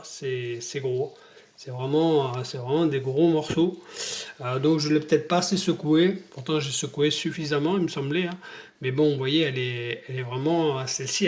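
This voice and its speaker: A man's voice: on the high side, darkish tone. A man talking casually in a hobby vlog, hesitant and rambling with many fillers, showing paint tests to the camera. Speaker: scale model hobbyist.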